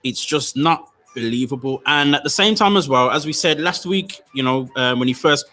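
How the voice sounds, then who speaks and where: A man's voice: medium pitch, normal speed, pushed and bright, rough recording. A man co-hosting a casual podcast chat, who affirms often and repeats his phrases. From Jamaican heritage. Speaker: podcast co-host.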